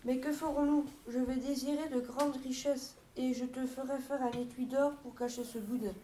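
A poor, hot-tempered peasant husband from a storybook, read by a woman in a fairly high voice. The tone is mellow and dark. A faint hiss and clicks sit under the voice. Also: steady tone, normal speed, lightly acted. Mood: pleading.

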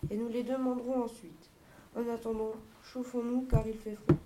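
A woman's voice: on the high side, flat delivery, normal speed, very noisy, natural voice. A woman reading aloud from a fairy tale book and voicing a poor, hot-tempered peasant husband. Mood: reasoning.

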